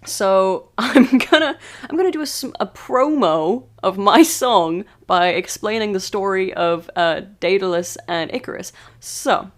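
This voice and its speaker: A woman's voice: medium pitch, measured pace. A woman casually retelling an old myth as a birthday podcast, rambling with giggly asides. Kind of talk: casual storytelling monologue.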